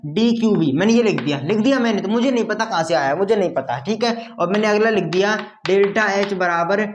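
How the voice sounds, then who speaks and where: A man's voice: sits high, fairly quick, muffled recording, slight background noise. A male teacher running an online lesson. He drills each point again and again. He plays the students' replies himself in a call-and-response style. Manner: answers for his students himself; calls listeners "beta".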